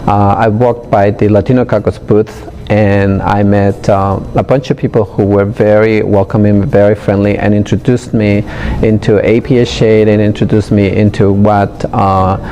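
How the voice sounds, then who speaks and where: A middle-aged man from Honduras, answering interview questions in a hesitant way with many pauses. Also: lowish voice, level tone, warm tone, a little hiss or hum. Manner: hesitant, frequent pauses and fillers. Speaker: interviewee, public health professional.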